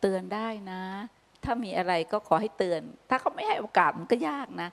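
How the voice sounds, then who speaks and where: Woman Buddhist teacher, gentle and folksy, on a live talk broadcast, voice ringing in a reverberant hall. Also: medium pitch, lively intonation, brisk. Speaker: Buddhist teacher answering listener questions. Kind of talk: live radio dharma talk.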